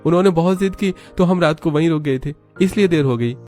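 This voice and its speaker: A man's voice: on the high side, fairly quick, a little mellow, faint music behind, voice pushed up, natural voice. A man voicing an emotional young husband from a rich family, talking passionately. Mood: explaining. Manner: emotional, impassioned.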